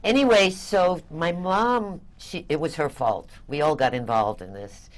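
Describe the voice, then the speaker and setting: An older woman from Venezuela, a guest telling her story in an interview, animated and quick to laugh. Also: low-pitched. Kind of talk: interview conversation.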